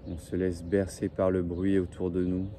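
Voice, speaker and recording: Deep, dark-voiced man guiding slow relaxation. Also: monotone. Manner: slow, soothing, repetitive phrasing. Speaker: relaxation guide. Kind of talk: guided breathing and relaxation meditation. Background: faint birdsong and ambient noise.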